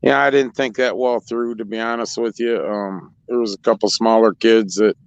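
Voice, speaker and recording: A man with a lowish voice chats casually as a racetrack co-host, laughing as he goes and stumbling through restarts. The recording is dull and lo-fi, with the top end rolled off. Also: steady tone, normal speed, vocal fry, clear, resonant tone. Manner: laughs often, rambling with restarts. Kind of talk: casual chat. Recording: dull lo-fi sound.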